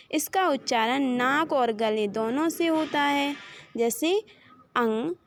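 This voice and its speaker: A woman's voice: fairly high pitch, slight background noise. A woman teacher giving a Hindi grammar lesson to children, calling them directly and sounding out letters and example words one by one, drawing the sounds out long. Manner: addresses the children directly, points to a chart.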